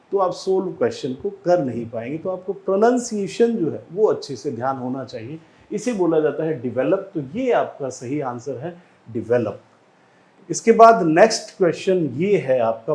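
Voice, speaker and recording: Indian man teaching pronunciation, fairly high voice. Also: darkish tone. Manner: explains slowly, repeats words for drill. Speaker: English teacher. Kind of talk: exam-prep lesson.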